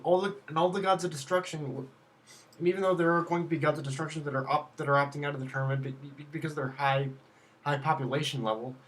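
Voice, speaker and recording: A young man casually reviewing an anime episode, halting and restarting often, with plenty of swearing. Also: a little high, a bit bright.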